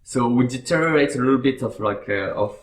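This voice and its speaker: A man with a French accent chatting as a podcast guest. He explains in a measured, hesitant way, pausing on fillers. His mid-range voice carries a noticeable room echo. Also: medium pitch. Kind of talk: casual chat.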